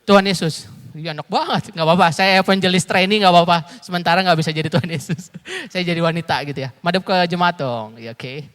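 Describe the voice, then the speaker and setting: A man's voice: sits high, fast talker, a bit bright. A man in his thirties preaching as an evangelist in a church service, chatty and joking, calling out questions to the congregation. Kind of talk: lively interactive sermon. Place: church sanctuary during a service. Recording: live church hall reverb.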